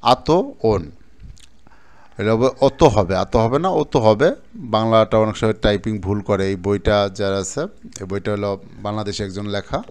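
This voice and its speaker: A man's voice: on the low side, fairly even intonation, normal speed, darkish tone, smooth. A male language teacher from Bangladesh explaining kanji in a casual classroom style, repeating terms and pointing things out as he goes. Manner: repetitive explaining, points at the board, mixes in English terms. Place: training center classroom.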